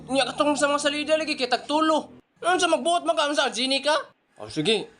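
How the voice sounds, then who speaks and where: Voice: sits high, lively intonation, fairly quick, a bit bright, a little hiss or hum. Give me a comedian playing every role in a skit. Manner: switches between put-on voices. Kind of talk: one-person comedy skit, playing several parts.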